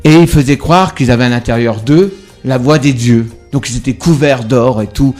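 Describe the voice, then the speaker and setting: A male ventriloquist talks easily on a radio interview, his voice at an ordinary middle pitch. He tells stories with a joking air while faint music plays behind. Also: moderate pace, a little mellow. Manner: chatty, joking. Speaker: ventriloquist guest.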